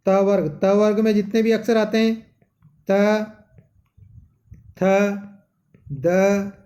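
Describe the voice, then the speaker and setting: A man's voice: sits high, fairly even intonation, takes it slowly, warm tone. A man teaching a grammar lesson, dictating syllables one at a time, asking questions and answering them himself. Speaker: Sanskrit teacher.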